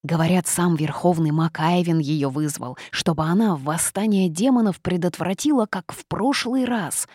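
A woman voicing an excited young male first-year student in a storybook reading, chattering eagerly and brushing off questions. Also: fairly low pitch, normal speed, hardly any pauses, slightly rough, no room sound, clean studio sound. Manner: eager, dismissive.

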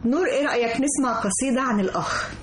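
A woman's voice: fairly high pitch, racing, a loud crowd. A woman with an Egyptian Arabic accent hosting a casual interview in an inquisitive, probing way. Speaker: host. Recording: roomy echo, faint background noise.

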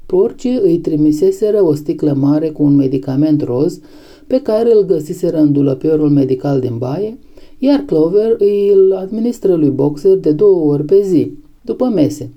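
A woman narrating a novel as an audiobook, reading in a measured, steady way. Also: sits low, highs cut off.

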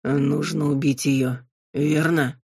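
Woman narrator doing a cold, slow male demon, low and husky. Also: dry recording, studio quality, full character voice. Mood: coldly menacing. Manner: slow, flat, predatory. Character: menacing male demon, bloodthirsty, blunt.

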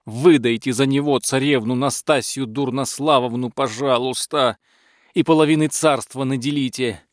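A man's voice: medium pitch, steady tone, normal speed, dry recording, clean studio sound, natural voice. A man voicing a scheming, fawning male court butler who whines and pleads. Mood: pleading. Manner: pleading, wheedling.

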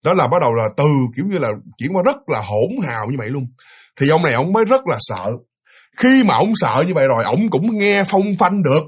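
A man's voice: on the high side, very animated, fairly quick, breathy edge. A man with a Southern Vietnamese accent casually telling a ghost story, chatty and addressing his listeners directly.

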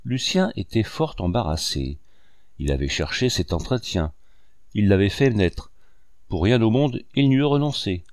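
A man reads a classic novel aloud in an expressive storytelling manner. His voice sits low, and his pitch moves a lot from line to line. The recording is dry and close. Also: moderate pace, no room sound. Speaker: audiobook reader. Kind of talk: scripted narration of a novel.

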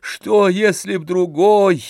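A man voicing a gentle, emotional nobleman who bursts out in breathless, high, excited phrases. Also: takes it slowly, gravelly, no room sound, studio quality, full character voice. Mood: elated. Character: gentle middle-aged nobleman, overwhelmed with emotion.

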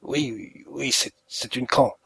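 A man's voice: mid-range voice, fairly even intonation, takes it slowly, vocal fry, bright, forceful tone, husky, voice pushed up, exaggerated voice. A man reading a feeble, dying Sherlock Holmes. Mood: pleading. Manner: weak, breathless, pleading. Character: gravely ill male detective, feeble and pleading. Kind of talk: audiobook reading.

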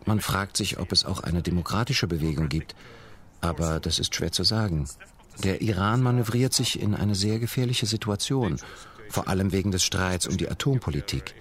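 Deep-voiced man reading a voice-over. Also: moderate pace, a bit bright. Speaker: voice-over translator. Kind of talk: scripted documentary voice-over.

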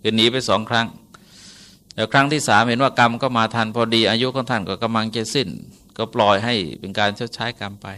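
Male monk, storytelling sermon, bright forward tone, easygoing and hesitant. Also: medium pitch, brisk, smooth. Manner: relaxed, conversational, polite particles, frequent hesitations. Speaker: Buddhist monk.

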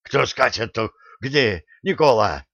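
A man voicing a rough bearded warrior in an audiobook, speaking in a gruff, urgent, folksy way. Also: medium pitch, lively intonation, slow pace, a bit bright, no room sound, muffled recording, heavily acted.

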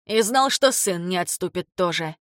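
A woman reading first-person audiobook narration in a steady, measured way. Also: lowish voice, no room sound, clean studio sound. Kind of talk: scripted narration.

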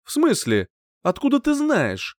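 A man's voice: high voice, wildly swooping pitch, a little slow, no room sound, pitched above the performer's own voice, exaggerated voice. A man voicing a cheerful, cocky young knight who teases with a grin, in a dry audiobook reading. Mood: curious. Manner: teasing, playful grin in the voice.

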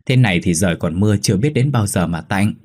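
Vai bà vợ quê lo lắng, lắp bắp khi sợ, một nam giới đọc truyện đảm nhận, giọng khàn. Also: male voice, fairly low pitch, animated, fast, darkish tone, husky. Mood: teasing, rising. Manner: anxious, stammering when scared. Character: worried older village wife, anxious, fussing.

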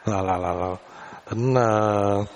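A man teaching a dharma class who takes questions, speaking in a relaxed way and often repeating words as he searches for them. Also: on the low side, takes it slowly.

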